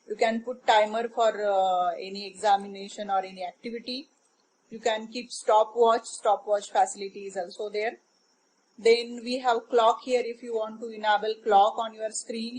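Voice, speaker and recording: A middle-aged woman, patiently walking teachers through an online classroom tool with frequent pauses. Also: medium pitch, a little mellow, slight background noise, low-quality recording. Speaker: teacher trainer. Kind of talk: screen-share tutorial.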